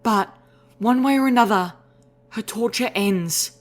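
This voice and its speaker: A man voicing a gentle but resolute young unicorn mare healer in an audiobook reading, soft and earnest, firm when she makes up her mind. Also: high voice, measured pace, pitched above the performer's own voice. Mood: grave resolve. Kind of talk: audiobook character voice.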